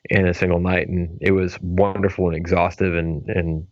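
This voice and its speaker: A man co-hosting a podcast in relaxed casual chat, full of fillers. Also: low voice, moderate pace, no echo, lo-fi sound. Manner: laid-back, filler-heavy. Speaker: podcast co-host.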